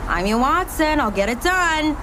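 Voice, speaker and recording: A woman playing a loud, cheerful, bossy young sidekick friend in an audio drama, coaxing playfully and pushily. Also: high-pitched, big pitch swings, moderate pace, background noise. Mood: upbeat, encouraging.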